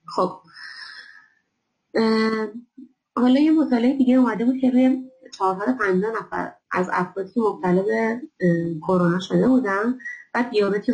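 Gravelly-voiced woman giving a health lecture. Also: mid-range voice, darkish tone, highs cut off. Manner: explanatory, many filler pauses. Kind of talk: recorded health lecture with slides.

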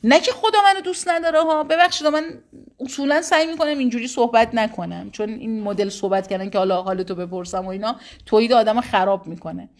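A woman with a slightly high voice leads a religious class. She speaks in a loose, colloquial way and explains each point to her students through stories from her own life. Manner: colloquial and explanatory, with personal anecdotes. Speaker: religious teacher. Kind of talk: informal religious lesson to students.

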